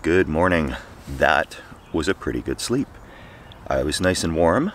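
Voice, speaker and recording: Outdoors in the woods by night and morning, a forties-aged man vlogs his camping trip, speaking to a close camera with dry, wry remarks. He has a rumbling low, fairly bright voice with lively intonation and a measured pace, and there's slight background noise.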